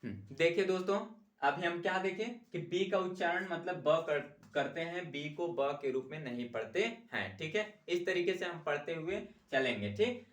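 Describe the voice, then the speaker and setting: A man's voice: on the high side, expressive, moderate pace. A man teaching a basic language lesson in a questioning classroom style, who keeps checking in with the learners and repeats answers back to them. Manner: repeats "ठीक है" after each point and asks the class questions. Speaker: English teacher. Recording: echoey room.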